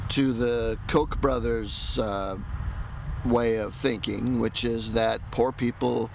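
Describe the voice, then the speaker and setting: A middle-aged American man with a gravelly, creaky voice at an ordinary pitch. He talks off the cuff in a hesitant, rambling way, stopping to find his thread. He is recorded outdoors, with light ambient traffic noise behind him. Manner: rambling, hesitant, self-interrupting. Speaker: amateur writer pitching a movie idea. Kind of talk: casual unscripted monologue to camera. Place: outdoors in an open grassy park.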